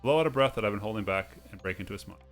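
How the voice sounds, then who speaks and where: Over game music, a man with a lowish voice talks very fast as host of a video game playthrough series. He gives let's play commentary and reads game text aloud.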